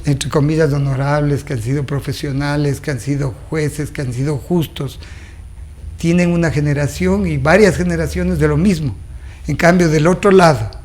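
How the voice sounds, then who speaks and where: Middle-aged man, guest doctor, slightly high pitch, didactic and earnest. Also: a little mellow. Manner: earnest and didactic, lays out points one by one. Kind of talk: explanatory TV interview answer.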